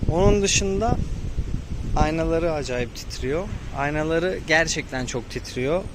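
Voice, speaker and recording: Higher-voiced man in a helmet, noisy motovlog. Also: a little slow. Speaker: motovlogger reviewing his motorcycle. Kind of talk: casual spoken review.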